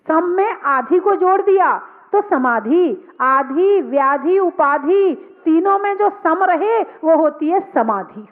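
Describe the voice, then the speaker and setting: High-pitched woman preaching over a tinny line. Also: expressive, slow pace, hardly any pauses. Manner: questions the listeners and answers herself, repeats key words. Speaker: Jain nun preacher. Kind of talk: sermon. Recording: tinny phone-like sound.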